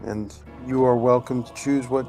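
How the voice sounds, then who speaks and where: A man playing a tabletop game, talking casually in a tentative, measured way with music behind. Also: mid-range voice, fairly even intonation, a little mellow.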